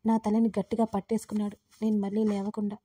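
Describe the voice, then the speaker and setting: A woman reading a first-person romance story softly and quietly, at an even pace. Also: medium pitch, fast talker, slightly rough, dry recording. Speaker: story narrator.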